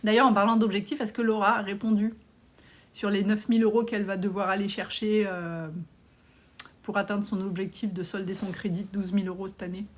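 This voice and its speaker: A woman in her forties hosts a live stream and answers viewer comments on budgeting. She talks bluntly and casually, with some slang, and her voice sits at an ordinary middle pitch. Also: flat delivery, brisk. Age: 40s. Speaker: personal finance coach.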